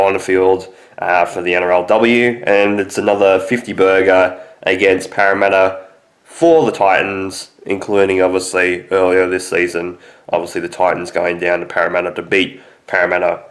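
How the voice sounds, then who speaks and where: A young man with a nasal, stuffy voice from a cold, hosting a rambling casual sports recap full of ums. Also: low-pitched. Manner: rambling, heavy on fillers like um and obviously. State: sick with a cold, stuffy nose. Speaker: sports podcast host.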